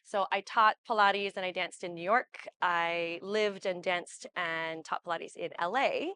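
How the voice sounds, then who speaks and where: A woman's voice: fairly low pitch, a little slow, sharp tone, clear, resonant tone. A woman in her thirties from Hawaii, a Pilates instructor casually welcoming a small group to a workshop, with many fillers. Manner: chatty, loose, with fillers like um and like. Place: wellness studio with a small audience.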